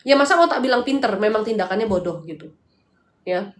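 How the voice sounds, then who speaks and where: A woman's voice: medium pitch, animated, fairly quick. A woman from hosting a live spiritual consultation, blunt and chatty, mixing preaching with slangy asides. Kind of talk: casual livestream talk, answering viewers. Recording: echoey room.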